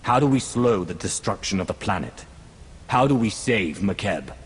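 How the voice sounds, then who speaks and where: An expressive man with a lowish voice, speaking at normal speed, performs cutscene dialogue as a commanding, resolute lord in a video game. He issues urgent orders formally and authoritatively while music sounds clearly in the background.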